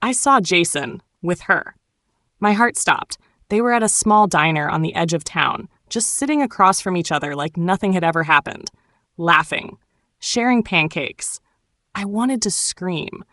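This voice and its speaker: Female storytime narrator, slightly low pitch, cool and sharp-tongued, dramatic first-person delivery. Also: lively intonation, normal speed, no room sound.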